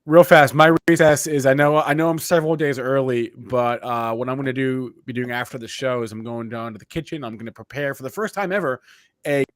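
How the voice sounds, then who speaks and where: A man's voice: medium pitch, a little fast, dry recording, clean studio sound. A man co-hosting a morning market show, chatting casually and joking about himself. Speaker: co-host. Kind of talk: casual chat.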